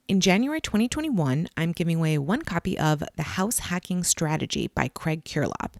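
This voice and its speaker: Female podcast host, lowish voice, crisp upbeat delivery, dry close mic. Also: no echo. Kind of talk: scripted podcast intro and interview.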